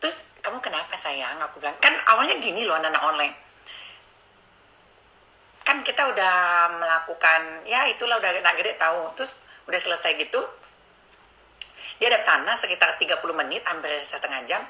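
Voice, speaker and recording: Animated, bright-voiced woman streamer. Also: on the low side, fairly quick, long pauses, rough recording. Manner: chatty, confiding, addresses viewers directly; animated, swings between hushed and excited. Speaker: live streamer. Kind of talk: casual storytelling to a live audience.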